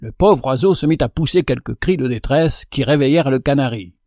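A man narrating a fable in an expressive, measured reading. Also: mid-range voice, no room sound, clean studio sound. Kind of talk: storybook narration.

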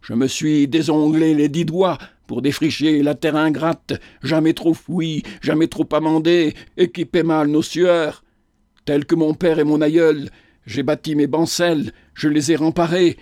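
A man's voice: fairly high pitch, a little mellow, no echo, clean studio sound, natural voice. A man voicing a wrathful, grieving old peasant prophet who preaches in impassioned tirades.

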